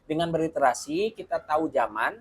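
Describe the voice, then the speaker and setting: A man as the guest in a casual discussion, explaining his points step by step in a calm way that sounds like a sermon. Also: on the high side, a little fast, slightly rough.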